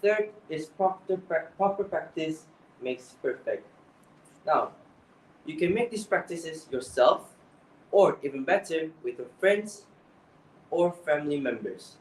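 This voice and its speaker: With a Malaysian accent, a young English speaking coach earnestly walks through exam tips, often restarting phrases. He sounds a little high and animated but speaks slowly with long pauses; there's a bit of hiss or hum, and his voice comes from far away in an echoey space.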